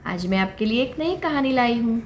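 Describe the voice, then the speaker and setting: A woman telling a children's puppet story in a slow, expressive way. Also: a little high. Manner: slow, expressive, sing-song. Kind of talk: storytelling for kids.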